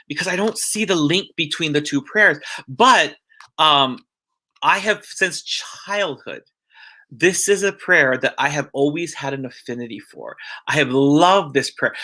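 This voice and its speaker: Man, church minister, informal religious lesson, earnest, halting delivery, fairly high voice, tense bright tone. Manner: earnest, heartfelt, halting with frequent restarts.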